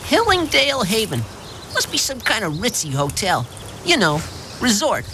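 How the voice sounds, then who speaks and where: A woman's voice: a little high, big pitch swings, normal speed, pushed and bright, slight background noise, exaggerated voice. A woman playing a bratty, bossy teenage son, whiny and impatient, in a radio comedy-drama. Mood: scheming.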